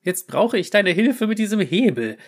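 A man's voice: sits high, big pitch swings, normal speed, pitched above the performer's own voice. A man voicing a male inventor trapped in a cat's body, frantic, yowling and hissing. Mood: snapping.

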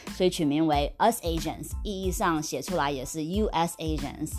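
A woman's voice: low voice, moderate pace, a little mellow, faint music behind. A young woman from mainland China, co-hosting a casual podcast and mixing English words into her talk. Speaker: podcast co-host. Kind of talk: casual chat.

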